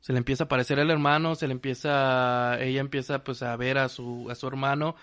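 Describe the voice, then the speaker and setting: A man's voice: medium pitch, little pitch movement, a little fast, a bit bright. A man retelling a horror film casually, rambling with lots of fillers and restarts. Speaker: film recap host.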